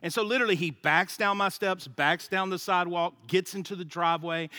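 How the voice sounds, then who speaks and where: A man, a guest speaker telling a funny story at church in an animated, joking way. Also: sits high, no echo, clean studio sound. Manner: animated, joking, laughs at his own story. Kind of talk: humorous storytelling sermon.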